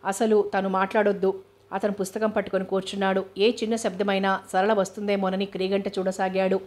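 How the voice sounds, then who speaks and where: Flat-voiced woman reading a novel. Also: mid-range voice, a little fast. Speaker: novel reader. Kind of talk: audiobook narration of a novel.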